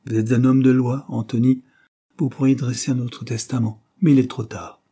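A man's voice: mid-range voice, little pitch movement, moderate pace, dark tone, pitched above the performer's own voice, natural voice. A man voicing a dying old man who gives solemn, urgent orders from his deathbed, in an audiobook reading.

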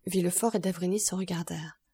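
A woman narrating a classic novel in an audiobook, measured and even. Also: fairly low pitch, husky. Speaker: audiobook reader.

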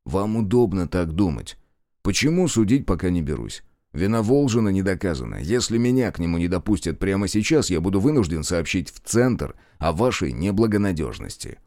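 A man's voice: low-pitched, big pitch swings, a little fast, mellow, dry recording, studio quality. A man voicing a cold, persistent wartime investigator who questions in a clipped, probing way.

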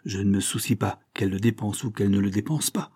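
Storybook reading: a man doing a short-tempered old English lord, dark and husky, barking his scorn. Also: lowish voice, fast. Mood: angry. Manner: growling, scornful outbursts. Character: irascible gouty old English earl.

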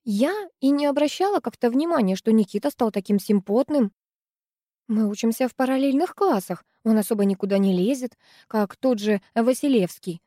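A woman's voice: on the high side, normal speed, mellow, dry recording, clean studio sound, pitched above the performer's own voice, close to an everyday voice. Woman doing a gushing, chatty teenage girl.

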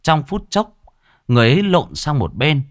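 A man narrating a ghost story in an expressive, folksy storytelling manner. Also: on the high side, moderate pace, no room sound, studio quality.

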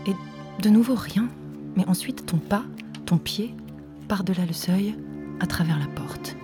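An actress speaking a theatrical monologue, slow and halting, slipping into whispers. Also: female voice, mid-range voice, over music, close to an everyday voice. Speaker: stage actress.

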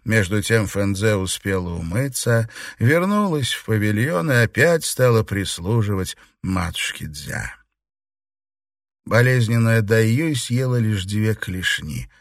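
A man's voice: on the low side, very animated, measured pace, no room sound. Man reading a storybook, dry close sound. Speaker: audiobook narrator. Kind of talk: scripted audiobook narration.

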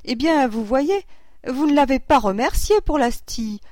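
A woman's voice: high voice, animated, a little slow, darkish tone, no echo, voice pushed up. A woman voicing a blunt, indignant grandfather in a classic novel read aloud, speaking emphatically. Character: bluff, blunt grandfather of the household.

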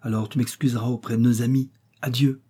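A man's voice: medium pitch, little pitch movement, quick pace, mellow, slightly rough, lightly acted. A man reading aloud and voicing an anxious, devoted young woman student who speaks in urgent, fretful pleas. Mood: worried.

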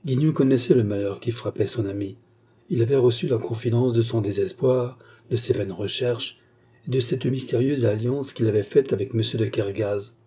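A male audiobook narrator reads a novel in a measured, steady manner. His voice is very dark and husky, and he keeps an even, unhurried flow. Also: medium pitch.

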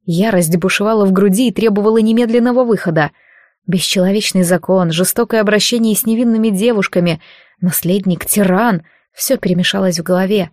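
A woman reading a fantasy novel aloud as an audiobook narrator, with expressive storytelling. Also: mid-range voice, fairly quick, no room sound, clean studio sound. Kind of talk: scripted narration.

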